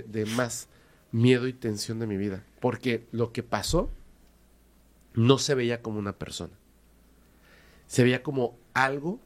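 Mexican man telling a story. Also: mid-range voice. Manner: animated, hesitant, repeats words for emphasis. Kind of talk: casual storytelling in conversation.

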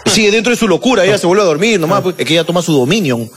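A young man telling a story in casual chat, profane and animated, acting out scenes. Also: sits high, very fast, faint music behind. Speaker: podcast co-host telling a story.

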